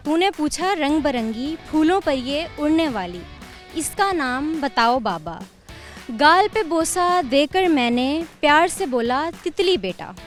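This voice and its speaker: A young adult university student with a high voice answers interview questions and recites a poem, speaking slowly and deliberately. Her verse comes out measured and expressive, with faint music beneath it.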